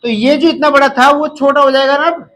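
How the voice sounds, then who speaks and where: Bright and forceful, this male nursing exam teacher's very high voice holds a steady tone at a fairly quick pace. He runs a live class, lecturing while constantly posing questions to students and going over key terms again. The recording is low quality.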